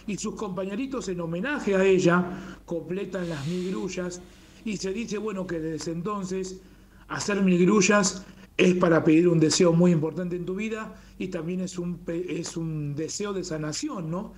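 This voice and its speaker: Speaking a little slowly in a high-sitting voice, this Rioplatense-accented man joins a radio interview as the Japanese garden's communications manager. He's warm and eager, fond of tossing in a questioning "¿no?".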